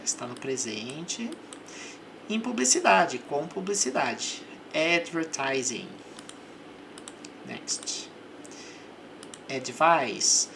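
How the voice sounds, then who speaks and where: Slow, low-voiced woman teaching English. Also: noisy background. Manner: patient, repeats each word and example. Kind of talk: slow, methodical vocabulary lesson.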